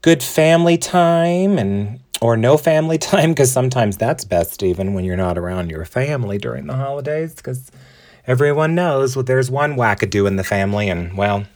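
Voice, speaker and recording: A man's voice: medium pitch, expressive, normal speed, a little mellow. A man in his forties hosting a podcast, chatting in a bubbly, campy way with playful pet names from his makeup table. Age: 40s. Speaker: podcast host. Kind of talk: casual monologue.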